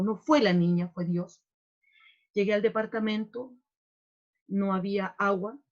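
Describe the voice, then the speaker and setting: A woman's voice: medium pitch, darkish tone. A middle-aged woman pastor giving a heartfelt, emotional testimony in a sermon. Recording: dull lo-fi recording.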